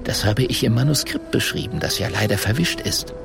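A man's voice: wildly swooping pitch, fairly quick, creaky, over music. A man voicing a skittish, forgetful old-time scribe who talks in a raised, nervous voice. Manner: nervous, higher voice.

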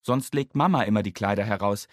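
A man reading a children's story aloud in a lively, expressive way. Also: on the low side, fairly quick, dry recording, studio quality. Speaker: narrator.

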